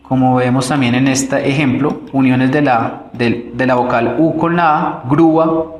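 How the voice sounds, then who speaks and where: A man's voice: medium pitch, steady tone, a little slow. Colombian man teaching an echoey lesson. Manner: explanatory, with frequent fillers and restarts. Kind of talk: recorded online lesson.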